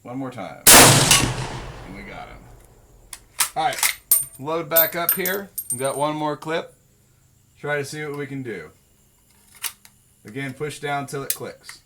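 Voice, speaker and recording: A man's voice: medium pitch, lively intonation, takes it slowly, pauses often, background noise. A man hosting a casual demonstration video at an outdoor shooting range, joking in a laid-back way with frequent ums. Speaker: video host.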